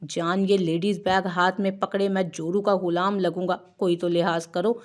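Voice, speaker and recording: A woman's voice: lowish voice, flat delivery, moderate pace, lightly acted. A woman voicing a teasing, affectionate young husband in an audio novel, with an exasperated edge.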